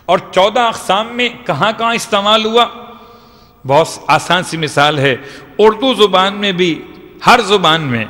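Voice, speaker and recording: A man's voice: a little high, sharp tone. A man giving a religious lecture to a congregation, explaining points with rhetorical questions and recited Arabic verses. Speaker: Shia cleric giving a majlis lecture. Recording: long hall reverb.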